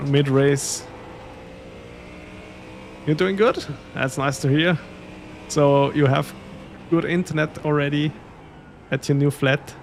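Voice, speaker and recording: Man, Austrian German accent, slow easygoing streamer chat, faint background hiss. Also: fairly high pitch. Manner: easygoing, chuckles often while chatting. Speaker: sim racing streamer. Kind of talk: casual live-stream chat.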